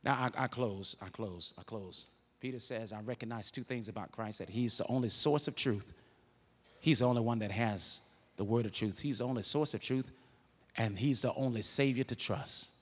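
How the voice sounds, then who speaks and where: A man preaching a sermon as pastor, moving from quiet, conversational asides to loud, shouted peaks. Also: medium pitch, normal speed, slightly rough, long reverb tail. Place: church sanctuary.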